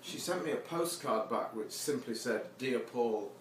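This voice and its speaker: Reading his own poetry before a seated audience, this man has a medium-pitched, animated voice and a measured pace. His offhand introductions carry a dry, self-deprecating wit, and the room sounds echoey and noisy, picked up from far away.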